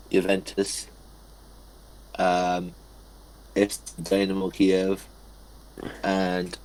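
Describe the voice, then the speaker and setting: Low-voiced young man stumbling over facts. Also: darkish tone, poor audio. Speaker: podcast co-host. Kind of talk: casual chat. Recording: faint background noise.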